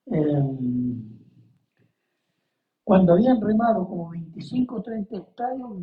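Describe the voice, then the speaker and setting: Slow Chilean preacher, muffled recording. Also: mid-range voice. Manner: conversational, asks the audience questions, coughs often. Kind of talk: Bible study sermon. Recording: dull lo-fi recording.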